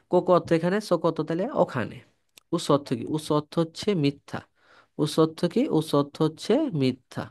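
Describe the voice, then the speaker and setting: Man, slightly high voice, teacher drilling vocabulary, repeats and asks questions. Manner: repeats words and quizzes the listener; drills syllables slowly for practice. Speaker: Japanese language teacher. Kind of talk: classroom-style lesson.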